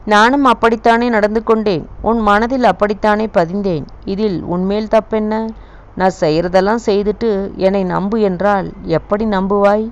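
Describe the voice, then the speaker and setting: A woman's voice: mid-range voice, fairly even intonation, normal speed, natural voice. A woman voicing a devoted young husband who is tender and protective, in an audio novel. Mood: pleading.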